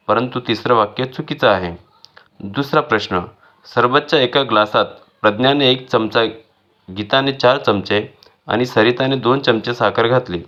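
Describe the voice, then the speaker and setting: A man calmly works through a school workbook, reading each question and then its answer in turn. His pitch sits in an ordinary middle range. The recording sounds a little dull and lo-fi. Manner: measured, listing answers one by one. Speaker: teacher. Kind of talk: reading out textbook exercise answers.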